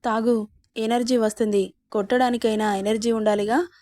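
A woman reading a storybook, voicing a patient, quietly stubborn young man who speaks soothingly and teases gently. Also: fairly high pitch, fairly even intonation, normal speed, natural voice. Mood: calm.

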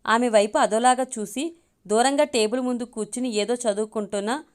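A woman narrating a romance audio story, reading it aloud in a steady, even way. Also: a little high, fairly quick, clear, resonant tone.

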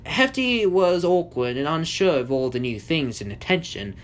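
Lively male storybook reader. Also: fairly high pitch, moderate pace. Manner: lively, with small slips and restarts. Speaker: audiobook reader. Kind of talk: storybook narration.

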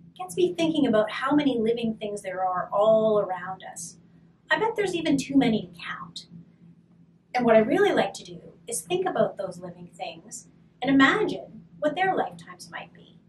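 Reading a picture book to children, this soft-spoken hospice volunteer goes on to demonstrate an activity in a gentle, slow manner that often fades to a whisper. Her voice is a little high and sing-song. The sound comes from a distant camera mic in a curtained room indoors, with faint room noise behind her.

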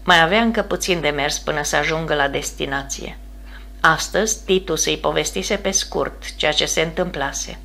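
A woman narrating an audiobook in a steady, measured reading voice. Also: sits low, creaky. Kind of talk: scripted narration.

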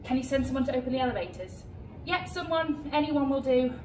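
Female cruise director, upbeat host with Northern English accent, high voice; echoey spaces, loud music behind. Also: animated, brisk, background noise. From Yorkshire, England. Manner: upbeat cruise director delivery, cheery and enthusiastic. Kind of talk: presenting to camera and audience. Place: large cruise ship atrium, theatre stage, open port. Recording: echoey, distant mic, loud music and crowd.

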